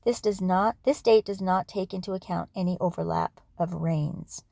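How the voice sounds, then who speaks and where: A woman with a gravelly, mellow voice reads history aloud casually, stopping for asides and to clear her throat. Her voice is wearing thin, and the sound is close and dry. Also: fairly low pitch, normal speed, no echo. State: losing her voice. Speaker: channel host reading history aloud. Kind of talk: casual read-aloud for sleep.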